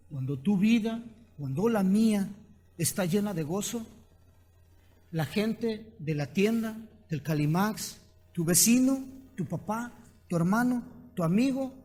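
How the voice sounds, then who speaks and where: A man with a Mexican accent, a pastor giving a lively sermon full of stories and rhetorical questions. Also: high voice. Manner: animated storytelling with rhetorical questions.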